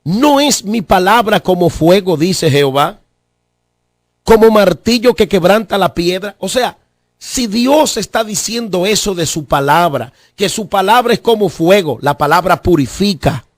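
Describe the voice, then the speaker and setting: A man's voice: high-pitched, expressive, unhurried, dry recording. A male pastor preaching a fervent sermon, repeating phrases and appealing directly to listeners.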